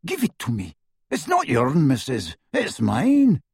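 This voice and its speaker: A man voicing a rough, uneducated male bounty hunter with gruff, rustic speech. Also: a little high, wildly swooping pitch, a little slow, a little mellow, no room sound, clean studio sound, full character voice. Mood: defiant.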